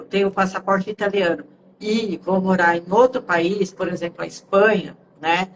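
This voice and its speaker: A woman's voice: lowish voice, low-quality recording. Chatty woman explaining on a live stream. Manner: conversational, explanatory, many fillers like "né" and "tá". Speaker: guest speaker on Italian citizenship. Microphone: remote live-stream call.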